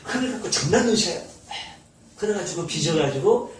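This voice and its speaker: A man giving an informal Bible study lecture, animated and blunt, sometimes mocking. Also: high-pitched, brisk, slight background noise. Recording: echoey room, mic far off.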